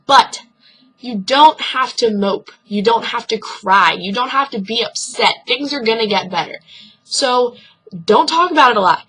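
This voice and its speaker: A woman's voice: fairly high pitch, expressive, unhurried, fairly bright tone, husky, rough recording. A young woman vlogging casual advice, blunt and earnest, swearing freely as she talks straight to the viewer.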